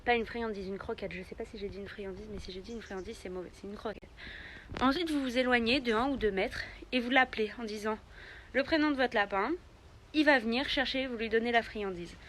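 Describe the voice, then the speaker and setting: A young woman explains things to her viewers in a relaxed, chatty vlog style, pausing often on fillers. Her voice is a little higher than most and bright, even forceful. Faint noise hums under the recording. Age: young adult. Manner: chatty, hesitant, many fillers. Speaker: pet vlogger. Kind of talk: casual vlog tutorial.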